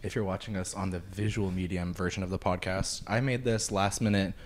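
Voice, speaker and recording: A man with a hoarse, allergy-sore throat, co-hosting a casual podcast chat in a jokey, self-deprecating way. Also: low-pitched, fairly even intonation, brisk, slight background noise. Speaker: podcast co-host.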